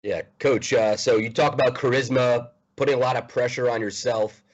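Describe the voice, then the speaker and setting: A man's voice: mid-range voice, fairly even intonation, moderate pace, lo-fi sound. A man co-hosting a podcast who asks a question hesitantly, with many fillers. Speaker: podcast co-host. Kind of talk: casual podcast conversation.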